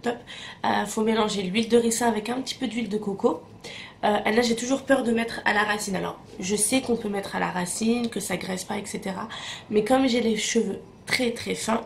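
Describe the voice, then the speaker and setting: A young woman from Morocco chats through a casual beauty review, medium-pitched and easygoing. She leans on fillers and says the same word several times in a row. A faint hiss sits under the voice. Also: gravelly. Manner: chatty, many fillers and repeated words. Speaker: beauty vlogger.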